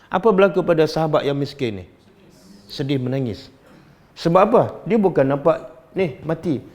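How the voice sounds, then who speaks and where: A middle-aged man speaks with a Malaysian Malay accent, leading a religious study lecture. He keeps throwing questions at his listeners and teasing them along. His voice sits somewhat high, and it leaps up and drops low as he makes each point. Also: normal speed. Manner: animated, asks the audience questions, teasing. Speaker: religious teacher.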